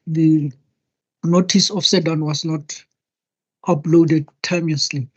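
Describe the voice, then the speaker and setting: A man's voice: fairly high pitch, level tone, slow, husky. A middle-aged man speaking as an advocate in court, with very formal, courtly and deferential address. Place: indoor book-lined office on a video call. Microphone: computer microphone on a video call. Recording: dull lo-fi video call audio.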